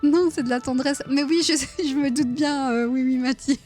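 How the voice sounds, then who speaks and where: A woman's voice: high-pitched, fairly even intonation, normal speed, a little mellow, faint music behind. A woman in her thirties hosting a live quiz stream, chatting playfully with viewers and giggling often. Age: 30s. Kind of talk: casual live-stream chat.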